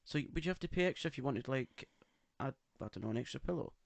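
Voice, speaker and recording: English male podcast co-host, camp and teasing, gravelly edge, dry close-miked sound. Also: medium pitch, lively intonation, quick pace, no echo. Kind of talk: casual chat. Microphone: studio microphone.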